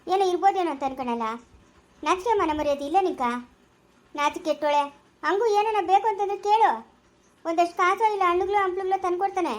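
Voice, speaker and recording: A woman plays a stern village wife in a homemade family skit, speaking rural Chikkaballapura Kannada. She scolds and moralizes in a very high voice and fires off questions quickly. Her delivery stays sharp throughout. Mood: scolding.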